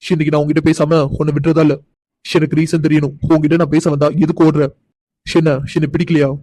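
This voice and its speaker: A man's voice: a little high, flat delivery, fast, warm tone, natural voice, poor audio. A man voicing an insistent, doting young man in a cartoon, coaxing and pressing for answers. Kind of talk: cartoon voice acting.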